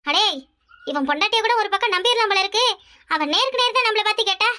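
Cartoon: woman playing a fiery, fast-talking village mother, Kanyakumari Tamil accent. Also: expressive, bright, forceful tone, exaggerated voice. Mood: scolding. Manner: scolding, rapid and shrill. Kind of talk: cartoon voice acting.

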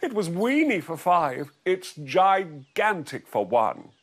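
A man voicing a fussy, flustered little old woman who wails and pleads in a high voice. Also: sing-song, takes it slowly, breathy edge, exaggerated voice. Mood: pleading.

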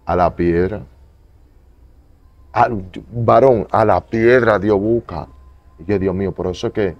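A man in an interview giving a fervent, repetitive testimony, moving between loud pleading and low murmurs. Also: lo-fi sound. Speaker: evangelist guest.

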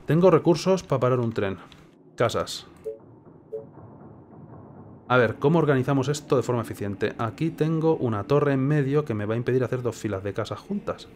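A man's voice: medium pitch, moderate pace, pauses often, darkish tone, slight background noise. A man with a Castilian accent from Spain giving casual gameplay commentary, musing and questioning himself as he thinks aloud. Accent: Castilian Spanish from Spain. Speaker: gaming video host.

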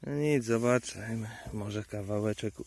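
A man foraging in a forest outdoors, playfully talking to the mushrooms he finds as if they were pets, sometimes dropping to a hushed murmur. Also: lowish voice, a little slow, creaky, a little hiss or hum. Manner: drops to hushed murmurs now and then. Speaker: vlogger. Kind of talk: casual narration while foraging.

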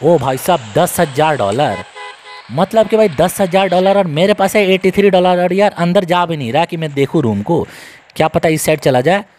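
A young man, giving casual, excitable, joking commentary on a video game as he plays and talks to his viewers. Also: fairly high pitch, moderate pace, slight background noise. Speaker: gaming YouTuber.

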